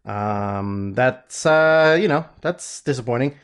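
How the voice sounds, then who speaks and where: A man's voice: medium pitch, lively intonation, slow, clear, resonant tone. Rambling man on a casual podcast. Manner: rambling, many fillers and restarts, looks things up mid-talk. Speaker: podcast co-host.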